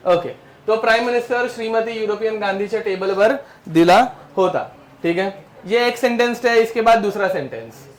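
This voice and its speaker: A man's voice: sits high, normal speed, slight background noise. A man teaching chemistry to a class, drilling mnemonics and scolding students who turn around, in with a tinge. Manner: drills mnemonics, scolds students, Hindi mixed with English terms. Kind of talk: classroom lecture.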